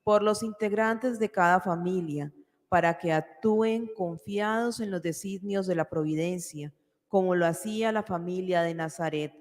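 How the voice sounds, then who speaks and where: A woman reading the prayers of the faithful at mass in a steady, formal way, with a cathedral echo around her voice. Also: lowish voice, normal speed. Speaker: lay reader. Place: large church. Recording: long church reverb.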